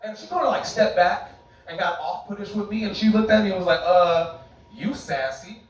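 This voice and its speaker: A man performing a stand-up comedy set, animated and jumping into high voices for his bits. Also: fast, very echoey, recorded from a distance, poor audio. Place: comedy club stage. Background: audience laughter.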